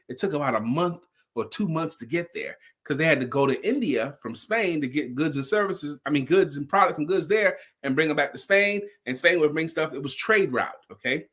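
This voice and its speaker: A storyteller and sales speaker with a fairly high, fairly bright voice tells a story informally and conversationally. He's emphatic, repeats key phrases to drive them home and acts out dialogue as he retells it.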